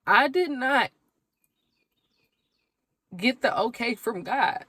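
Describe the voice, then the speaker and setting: A young woman, chatting to the camera in an emotional, animated way about her move. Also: on the high side, takes it slowly, no room sound. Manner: emotional, animated storytelling with laughs. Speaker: vlogger. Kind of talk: casual chat to camera.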